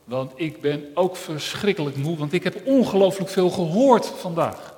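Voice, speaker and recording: A man voicing a tired, kind-hearted talking ear in a children's story, speaking loudly in a church with long reverb. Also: on the high side, expressive, normal speed, close to an everyday voice. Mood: protesting. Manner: loud, protesting.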